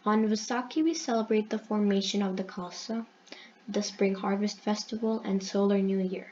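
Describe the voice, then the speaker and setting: A woman's voice: mid-range voice, normal speed, mellow, muffled recording, a little hiss or hum. A woman hosting her own channel, retelling a religious story in an earnest, explanatory way and often correcting herself mid-sentence. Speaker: channel host.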